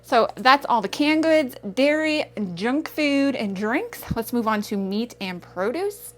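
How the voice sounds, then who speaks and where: A woman's voice: high voice, expressive, unhurried, a bit bright. Chatty woman vlogger. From Canada. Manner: chatty, rambling, with self-aware asides. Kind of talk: casual grocery haul vlog.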